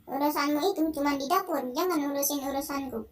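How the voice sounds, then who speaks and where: A young gamer reading out the lines of an angry husband in a video game, yelling harsh orders at his wife. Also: high voice, fast talker, natural voice. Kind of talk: game dialogue read aloud.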